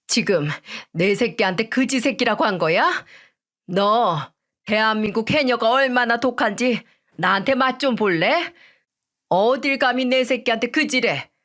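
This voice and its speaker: A tough, fierce sea-diver mother, as a woman storyteller voices her, scolding in a raised, forceful voice. Mostly the storyteller's own voice, pushed louder. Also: on the high side, moderate pace, lightly acted. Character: fierce middle-aged widowed diver mother.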